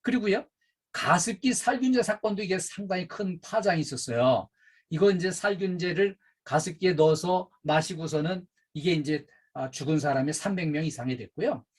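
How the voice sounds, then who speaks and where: A middle-aged man giving a workplace training lecture, emphatic and animated, with frequent fillers. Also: sits high, moderate pace, husky. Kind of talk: safety and customer service training lecture.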